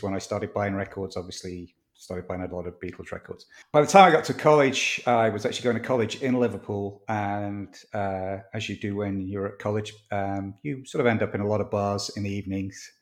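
A man in his sixties from near Manchester, in northwest England, speaks with a northern English accent as an author guesting on a podcast. His voice is lowish, steady and brisk, and he tells stories in a rambling, chatty way full of ums during the casual interview.

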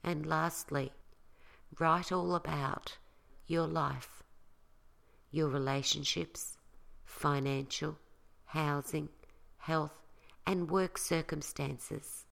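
A woman narrates a guided relaxation exercise from a script. Her voice sits low, with a touch of creak at the edges. She speaks very slowly and calmly, giving each instruction room with pauses. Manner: slow, calming, instructional delivery with pauses.

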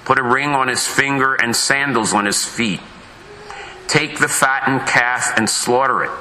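Man, pastor, solemn scripture reading, measured pace, cavernous church reverb, faint hum behind. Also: mid-range voice, bright, forceful tone. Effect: big echoing church reverb. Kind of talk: reading scripture aloud at Mass. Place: large church. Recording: roomy echoing church sound.

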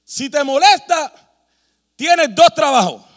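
A man's voice: very high voice, very animated, slow, in a large hall. A man preaching a sermon with emphasis, rhetorical questions and humorous asides. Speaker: pastor.

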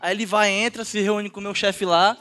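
A man's voice: high voice, fairly even intonation, fairly quick, sharp tone, faint music behind. A young man telling a story in a casual podcast chat, nervous and laughing as he talks. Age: young adult. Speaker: guest sharing a story.

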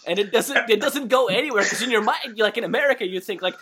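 A man's voice: sits high, fast, bright, forceful tone. Laid-back man. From Russia. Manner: laid-back, laughs often, swears casually. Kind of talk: casual chat.

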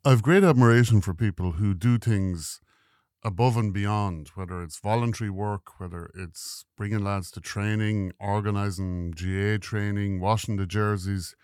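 A man's voice: fairly low pitch, fairly even intonation, moderate pace, darkish tone, clean tone, no echo. A man with an Irish accent interviewing conversationally as a podcast host, close on a studio microphone.

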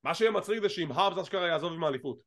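A man co-hosting a wrestling podcast, talking in a casual, animated and teasing way and slipping English phrases into his talk. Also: fairly high pitch. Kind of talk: casual chat.

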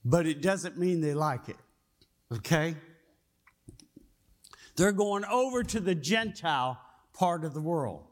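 A man's voice: a little high, lively intonation, takes it slowly, pauses often. A man preaching a sermon, telling the story in a folksy way and often asking his listeners questions. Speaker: pastor.

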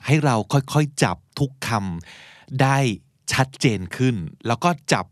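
A man hosting a podcast who teaches English in a chatty, encouraging way, reading English phrases slowly and spelling words out. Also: medium pitch, fairly even intonation, dry recording, clean studio sound. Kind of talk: casual explanatory podcast teaching.

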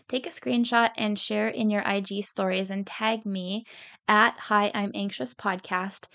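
A woman in her thirties hosts a podcast, speaking sincerely and encouragingly straight to her listeners. Short on sleep, she sounds tired and a little scratchy, with a medium-pitched, slightly bright voice whose highs are cut off in the recording.

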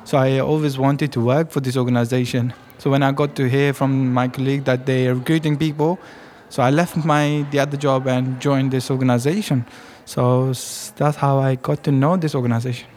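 A man from Afghanistan with an Afghan accent, speaking English in a casual interview about his fundraising award, pausing often with ums. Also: medium pitch, fairly even intonation, darkish tone, slight background noise. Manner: hesitant, with frequent ums.

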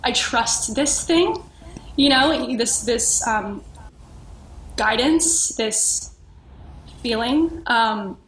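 A woman's voice: on the high side, expressive, drawn-out words, long pauses, fairly bright tone. A woman podcast guest talking earnestly and reflectively, searching for words and restarting often. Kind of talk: reflective conversational sharing. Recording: echoey room with faint noise.

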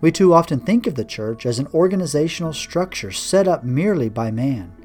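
A man's voice: a little high, lively intonation, fairly quick, darkish tone, soft background music. A man who is a pastor and podcast host, reading his devotional blog aloud as earnest, reflective storytelling into a close microphone. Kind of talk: read devotional blog narration.

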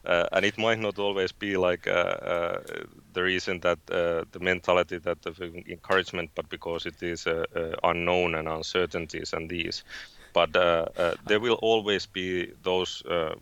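Finnish guest, 40s, very low flat voice, halting delivery, slightly muffled recording. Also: male voice, gravelly, clear, resonant tone. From Finland. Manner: halting, many fillers and restarts. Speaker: guest, space company founder. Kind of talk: interview conversation.

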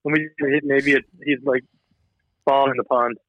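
A young podcast co-host at a middle pitch rambles through long, meandering stories in casual chat, swearing offhandedly. His delivery is flat and at normal speed, coming through a dull, lo-fi remote call line with no room sound.

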